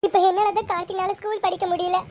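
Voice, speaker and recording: A woman's voice: extremely high pitch, flat delivery, fast, a little mellow. A woman playing a guilt-ridden anxious schoolgirl. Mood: distressed. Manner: anxious, self-blaming on a phone call.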